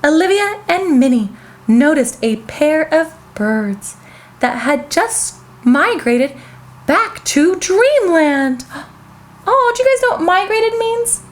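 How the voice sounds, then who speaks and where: A woman hosting a children's show, reading a picture book aloud with a bubbly, childlike manner, full of excited gasps and chatty asides to the young viewers. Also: high voice.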